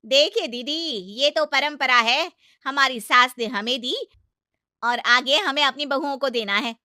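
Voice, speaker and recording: A woman playing a loud, taunting aunt-in-law. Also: on the high side, sing-song, a little slow, dry recording, clean studio sound, exaggerated voice. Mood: indignant. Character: scolding middle-aged aunt-in-law, tradition-bound. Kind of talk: cartoon story voice acting.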